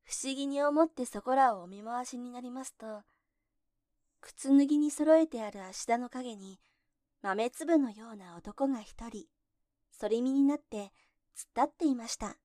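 A woman narrating a folk tale in gentle, measured storybook telling. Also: fairly high pitch, no echo, studio quality.

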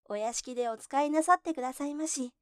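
A woman voicing a tiny, eager young man who speaks loudly but humbly and formally, in a storybook reading. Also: sits high, fast talker, no echo, clean studio sound, lightly acted. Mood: polite.

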